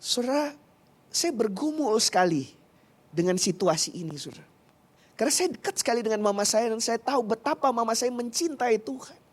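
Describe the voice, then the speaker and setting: A man's voice: very high voice, lively intonation, brisk. Male pastor, sermon, earnest, emotional personal story, direct address.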